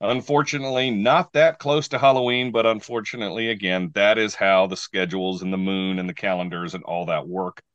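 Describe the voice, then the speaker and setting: A man's voice: lowish voice, fairly even intonation, a little fast, hardly any pauses, a bit bright, clear, resonant tone, no echo, muffled recording. A man hosting a show in a folksy, showman-like way, announcing with emphatic phrasing. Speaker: radio show host. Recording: faint music behind the voice.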